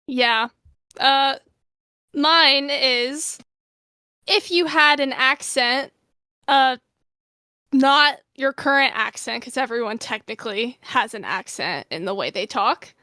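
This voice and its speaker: A woman's voice: high voice, expressive, slow pace, bright, forceful tone, no echo. A young woman with a slight Southern US accent co-hosting a casual podcast, chatty and laughing easily. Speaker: podcast co-host.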